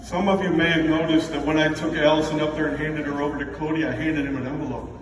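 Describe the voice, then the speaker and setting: A middle-aged man gives a father of the bride speech in a very echoey hall, picked up from a distance over clear background noise. He speaks in a plainspoken, heartfelt and slightly halting way to the guests. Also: a little high, fairly even intonation. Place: large reverberant indoor reception room with background noise.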